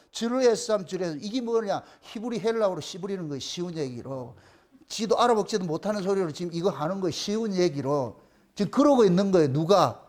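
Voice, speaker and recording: A male pastor with a Gyeongsang Korean accent, preaching a sermon in an emphatic, mocking way, full of rhetorical questions. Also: high voice.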